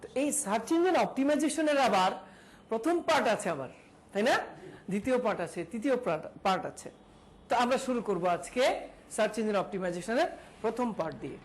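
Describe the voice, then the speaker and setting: A woman's voice: a little high, a little hiss or hum. Woman teaching a class, drills students. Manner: questions students one by one, repeats key terms. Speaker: digital marketing instructor. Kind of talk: classroom lecture.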